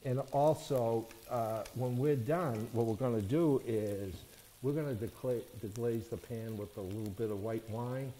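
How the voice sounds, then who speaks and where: Mellow-voiced chef teaching a cooking lesson. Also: male voice, medium pitch, measured pace, slight background noise, low-quality recording. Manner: explanatory, checks in with "okay?" and "all right?". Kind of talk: cooking demonstration. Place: studio kitchen set, indoors.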